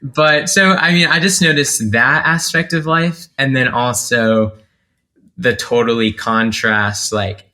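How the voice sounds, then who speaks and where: This content creator from North Carolina, USA, speaks slowly in a mid-range voice that sounds pushed and bright. As an interview guest in casual conversation, he reflects on himself, often using fillers and starting over.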